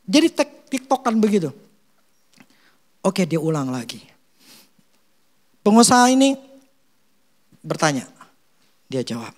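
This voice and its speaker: A male pastor preaching, telling stories and acting out short quotes. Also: sits high. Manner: animated storytelling with acted quotes; casual Jakarta slang (gue, lu). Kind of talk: sermon.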